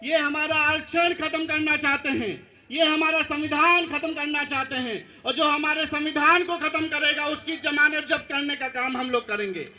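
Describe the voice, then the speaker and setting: A man, a local legislator, giving a forceful rally speech full of repeated rallying phrases. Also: extremely high pitch, normal speed, few pauses.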